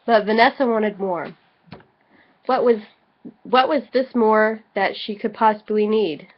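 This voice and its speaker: A slightly tipsy woman, co-hosting a dramatic reading video, jokes around informally, swears, giggles and reads passages aloud for comic effect. Her medium-pitched voice stays fairly even and unhurried on a dull, lo-fi home recording.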